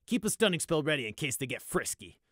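A brisk pony lieutenant, played by a man reading aloud, curt and used to command. His voice sits a little above the reader's own, firm and clipped. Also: a little high, sing-song, fairly bright tone, dry recording, clean studio sound, pitched above the performer's own voice. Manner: curt, giving orders.

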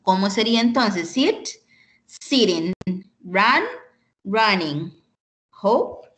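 A woman teaching an online English lesson, explaining slowly and patiently and often checking in with "ok?". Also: mid-range voice, animated, a bit bright. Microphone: computer mic on a video call.

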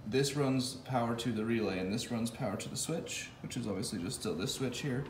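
Brisk and medium-pitched, a man building an electric motorcycle gives a casual walkthrough of its wiring in his home garage, thinking out loud with fillers and false starts. His phone camera records him up close, and the audio is reverberant with slight hiss or hum.

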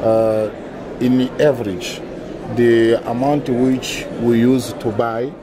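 A middle-aged man, a native Portuguese speaker with a thick foreign accent, giving halting interview answers in non-native English. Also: medium pitch, flat delivery. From Mozambique. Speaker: utility manager being interviewed. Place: indoor conference interview booth. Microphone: lapel. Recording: busy event hall chatter behind.

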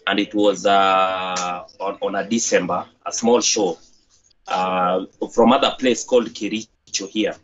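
A young Kenyan man with a Kenyan accent, talking haltingly in a casual interview over a headset on a video call. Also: fairly low pitch, a bit bright. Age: young adult. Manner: halting, with many fillers and restarts. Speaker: interview guest, gym owner. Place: outdoors by a corrugated metal wall. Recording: dull lo-fi video-call audio with faint noise.

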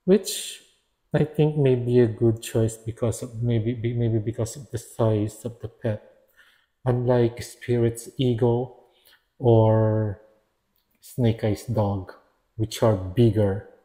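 Male collector reviewing figures; casual, halting, self-correcting, slow and warm-toned. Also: medium pitch, steady tone. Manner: hesitant, restarts and corrects himself. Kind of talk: casual product review narration.

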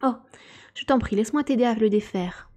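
A woman's voice: on the high side, brisk, warm tone, lightly acted. A woman voicing a polite, eager young girl in a storybook reading, earnest and apologetic.

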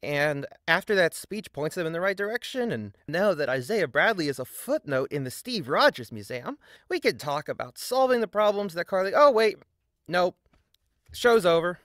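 In a close, dry recording with little room sound, a man reads scripted video essay narration at a normal pace. His pitch is very animated, and he sounds sardonic and emphatic, tossing in dry asides.

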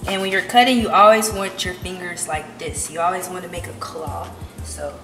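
A woman's voice: lowish voice, fairly even intonation, moderate pace. Woman chef teaching in a kitchen. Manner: instructive, step-by-step. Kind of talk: cooking demonstration. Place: home kitchen. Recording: roomy distant camera audio with loud music. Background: loud background music.

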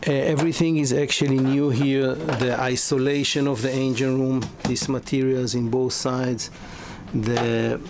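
Slow-talking man touring a sailboat. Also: medium pitch. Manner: halting, many fillers and restarts. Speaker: yacht broker. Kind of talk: walkthrough tour. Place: inside a sailboat cabin. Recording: noisy ambience.

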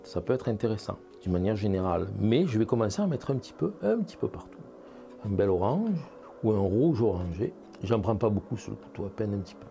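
A man's voice: lowish voice, dark tone. A man, a painting instructor talking casually as he demonstrates, thinking aloud and checking in with viewers. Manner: chatty, thinks aloud, addresses viewers with "hein" and "vous voyez".

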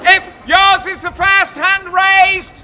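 High-pitched, booming older male town crier. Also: level tone, slow. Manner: town crier, loud declaiming and theatrical, jovial. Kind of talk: town crier's proclamation to a street audience. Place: outdoors on a busy city shopping street. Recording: noisy outdoor street with crowd. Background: crowd and street noise.

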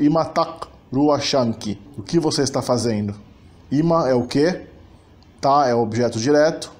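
A man's voice: medium pitch, darkish tone. A man with a Brazilian Portuguese accent, hosting a linguistics channel and explaining grammar step by step, sometimes correcting himself mid-sentence. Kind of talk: explanatory language lesson.

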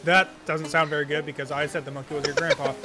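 Teasing man with a somewhat high voice. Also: flat delivery, quick pace. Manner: teasing, joking, swearing. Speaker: friend playing along. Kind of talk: casual gaming chat.

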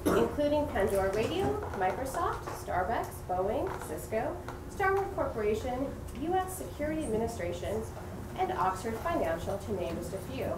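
A woman introduces speakers at a bookstore event, reading from a sheet. Her voice sits a bit high and carries across a roomy space. It is picked up from some distance, with clear room noise. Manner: reads from paper, stumbles over names.

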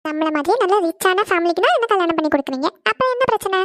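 A woman voicing a spoiled young bride from a rich family in a cartoon, talking quick and pouty. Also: very high-pitched, expressive, fairly bright tone, no echo, studio quality. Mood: reassuring. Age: young adult. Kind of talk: cartoon voice acting.

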